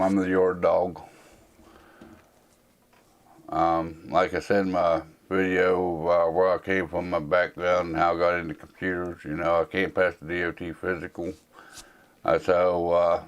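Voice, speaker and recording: A man's voice: low-pitched, dull audio. A man, hosting a casual Q&A and rambling in a folksy, plain-spoken way with plenty of fillers. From United States. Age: 40s. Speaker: host answering viewer questions. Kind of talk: casual Q&A chat.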